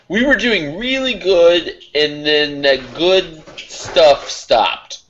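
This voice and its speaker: Animated storytelling man on a lo-fi mic. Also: fairly high pitch, very slow, a little hiss or hum. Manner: animated storyteller, acts out quotes. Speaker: podcast co-host. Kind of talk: casual podcast chat.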